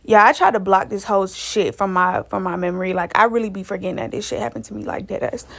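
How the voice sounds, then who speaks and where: A woman's voice: mid-range voice, quick pace, creaky, fairly bright tone. A woman, casually telling a personal story in a loose, slangy, profane way. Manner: loose, profane, slangy retelling that acts out others' lines.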